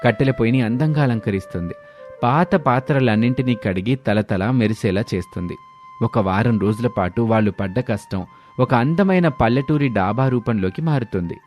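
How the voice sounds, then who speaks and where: A man narrating an animated family story in a calm, scripted manner. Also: mid-range voice, normal speed, soft background music.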